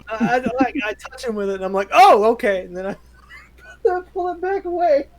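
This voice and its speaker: A man's voice: very high-pitched, sing-song, normal speed, a little mellow. A man playing a tabletop game, rambling and laughing often. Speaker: player. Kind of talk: casual tabletop play.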